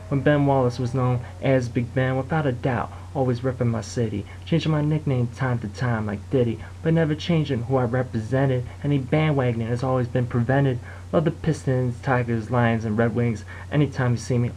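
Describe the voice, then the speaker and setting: A man's voice: medium pitch, dark tone, a little hiss or hum, poor audio. Young amateur rapper, man, rhythmic rhyming freestyle delivery, mid-range voice. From Detroit area, United States. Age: young adult. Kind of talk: freestyle rap.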